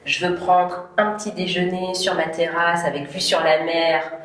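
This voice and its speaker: A woman's voice: lowish voice, flat delivery, moderate pace, a bit bright, roomy sound, recorded from a distance, slight background noise. A woman from Paris, in her thirties, chatting casually as an interview guest, laughing often and filling with hesitations. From Paris, France. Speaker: entrepreneur guest.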